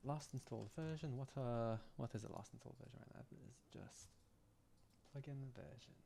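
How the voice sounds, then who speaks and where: Hoarse guy livestreaming his modding, mumbling to himself, lots of restarts, normal pitch. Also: dark tone, slight background noise. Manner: halting, restarting, muttering to himself. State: slightly hoarse, losing his voice. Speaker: game modder live streaming. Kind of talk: thinking aloud while scripting on a live stream.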